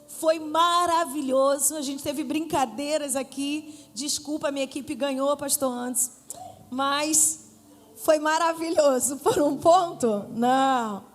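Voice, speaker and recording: High-voiced Brazilian woman preaching in a church. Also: takes it slowly. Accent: Brazilian Portuguese. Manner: playful, riddles with the congregation, rises to shouting. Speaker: pastor. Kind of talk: Pentecostal sermon. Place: church hall with live congregation. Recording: church hall reverb with faint music.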